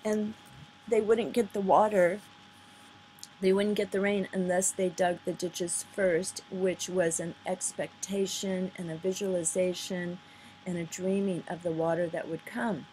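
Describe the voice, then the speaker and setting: On a poor-quality home recording with slight background noise, a woman talks casually over played videos, rambling earnestly and off the cuff. Her voice is on the low side and dark-toned, with little pitch movement and a measured pace.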